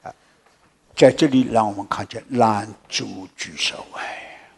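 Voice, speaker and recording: A man preaching a sermon and telling a story to his congregation, jumping from loud exclamations to hushed whispers and mixing English words into his preaching. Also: fairly low pitch, measured pace. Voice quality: very husky.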